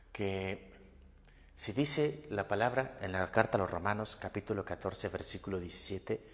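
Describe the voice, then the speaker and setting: A man's voice: lowish voice, in a large hall. A man giving a sermon, emphatic, repeating key phrases and often adding a questioning tag. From Mexico. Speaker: priest. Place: parish church.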